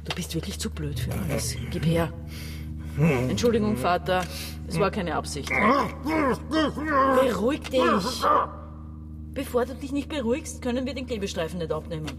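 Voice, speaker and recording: A woman's voice: mid-range voice, expressive, normal speed, pauses often, close to an everyday voice. An actress playing a bossy, hard woman in her forties who gives curt orders and scolds. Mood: commanding. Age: 40s. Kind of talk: radio play acting.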